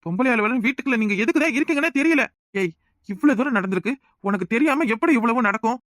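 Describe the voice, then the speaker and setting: A man's voice: extremely high pitch, expressive, fast talker, fairly bright tone, dry recording, clean studio sound. A man voicing an irritable young village man in a cartoon, speaking curtly with a Kanyakumari Tamil accent. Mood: exasperated. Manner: curt, exasperated, scolding. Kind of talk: cartoon voice acting.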